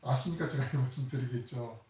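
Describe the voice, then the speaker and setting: An older South Korean pastor delivers a Sunday sermon in a church sanctuary, speaking fairly quickly and with dramatic animation. He acts out quoted prayers and taunts, his pitch and force climbing, and his voice comes from a distance in the echoey hall.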